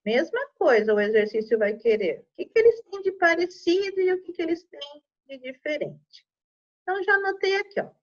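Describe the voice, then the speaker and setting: A woman's voice: high voice, muffled recording. A woman teacher with a Brazilian Portuguese accent giving a patient, step-by-step math lesson to children, checking in after each point.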